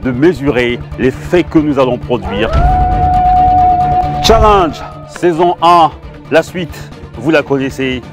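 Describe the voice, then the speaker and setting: A man's voice: mid-range voice, expressive, takes it slowly. A man hosting a challenge show, opening with a punchy announcer-style intro and asking interview questions. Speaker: show host. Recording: music under the voice.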